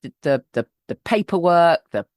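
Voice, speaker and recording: A woman's voice: on the low side, lively intonation, moderate pace, a little mellow, dry recording, clean studio sound. A woman hosting a podcast, chatting casually and often repeating words as she thinks. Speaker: podcast host.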